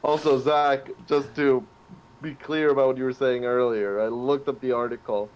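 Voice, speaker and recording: A man's voice: medium pitch, steady tone, normal speed, darkish tone, highs cut off. A man co-hosting a casual fan Q&A, chiming in with dry, matter-of-fact remarks. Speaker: podcast co-host. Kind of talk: casual live chat with fans.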